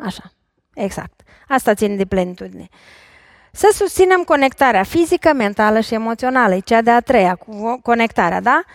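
A middle-aged woman, a couples therapist, talking on stage before an audience, lively and putting questions straight to the listeners. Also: a little high, dry recording, studio quality. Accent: Romanian. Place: large concert hall stage.

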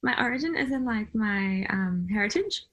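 A woman from Iraq, speaking as a photographer guest at a medium pitch. She talks through her answers in a chatty, reflective way, full of fillers and quick laughs. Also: animated, fairly bright tone, low-quality recording. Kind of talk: casual interview chat.

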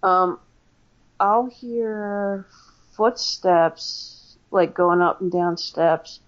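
A woman's voice: on the low side, drawn-out words, lo-fi sound. An American woman, a paranormal investigator, telling stories in a casual interview with lots of fillers and restarts. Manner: chatty, many fillers and restarts.

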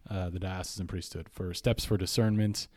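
A man hosting, asking questions in a measured way with occasional uh fillers. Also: low-pitched, steady tone, darkish tone, no echo, studio quality. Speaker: podcast host. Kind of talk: interview questions.

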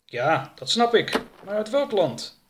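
A man voicing an eager, deferential young male deputy in an audiobook, dutiful and quick to obey. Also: high-pitched, sing-song, a little hiss or hum, pitched above the performer's own voice, exaggerated voice. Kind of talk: audiobook character voice.

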